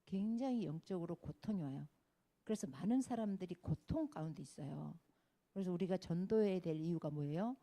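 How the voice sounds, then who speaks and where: A woman in her fifties preaches to a Sunday school class. She tells her stories with lively swings in pitch, acts out the people she quotes and keeps asking the children questions. Her voice has a soft, mellow tone. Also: a little fast. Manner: animated storytelling, acting out quotes, questions to children. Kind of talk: children's sermon. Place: church classroom.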